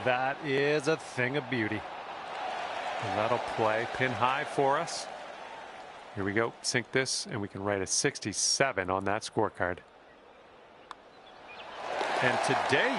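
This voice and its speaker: A man's voice: medium pitch, lively intonation, unhurried, pauses often. A man giving golf commentary, speaking to the player in short, encouraging observations. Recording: crowd and ambient noise behind. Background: crowd ambience.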